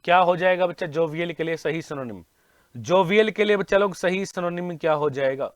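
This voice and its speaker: An energetic Indian man teaches vocabulary to exam students, mixing Hindi with English words and asking the class the same question over and over. His voice sits high for a man, recorded dry and close to the mic. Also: fairly quick, no echo. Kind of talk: online exam-prep class.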